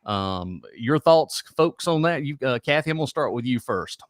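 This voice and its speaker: A man hosting an online radio talk show in a loud, showy, playful announcer style. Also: mid-range voice, animated, moderate pace, no room sound. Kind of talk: casual call-in-style show banter.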